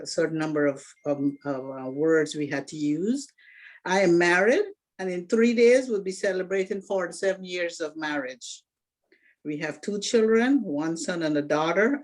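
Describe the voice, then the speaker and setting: A Guyanese-born woman in her sixties gives a prepared speech presenting herself as a candidate for president of an alumni association. She speaks in a lowish voice, earnest and organized, occasionally restarting a phrase.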